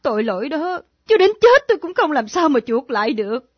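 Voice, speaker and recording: A woman's voice: high-pitched, big pitch swings, fairly quick, no room sound. An actress playing a grieving widow in her thirties who confesses a secret love with earnest pleading, in a radio drama. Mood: remorseful. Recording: dull lo-fi old radio recording.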